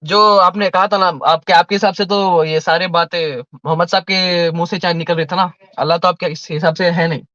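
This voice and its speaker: Man, caller, slightly high voice, halting and polite, muffled dry sound. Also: fairly even intonation, pushed and bright, no echo. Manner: hesitant, halting, deferential. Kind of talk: debate on a call. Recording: dull, dry lo-fi audio.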